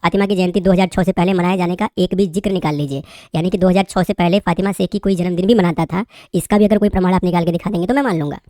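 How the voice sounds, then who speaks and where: A woman's voice: fairly low pitch, steady tone, racing, hardly any pauses, warm tone, no room sound, clean studio sound. A woman commentator reading out social media posts and remarking on them in a chatty way, talking straight to her viewers. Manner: chatty, addresses viewers directly as brother.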